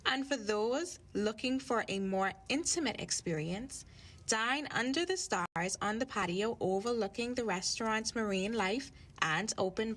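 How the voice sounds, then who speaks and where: Woman, Bahamian accent, medium pitch, scripted TV news narration, reporter. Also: fairly bright tone.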